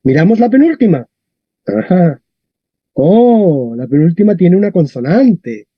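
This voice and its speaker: A man teaching a classroom lesson, talking in a lively way and often adding tag questions. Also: high-pitched, normal speed, breathy edge, no echo. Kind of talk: classroom lesson on Latin stress. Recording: dull, dry lo-fi sound.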